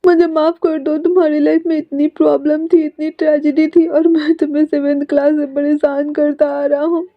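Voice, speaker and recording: A woman's voice: sits high, steady tone, moderate pace, dry recording, voice pushed up. A woman voicing an emotional, clingy teenage boy who sounds tearful and whiny, in a dry, slightly muffled recording.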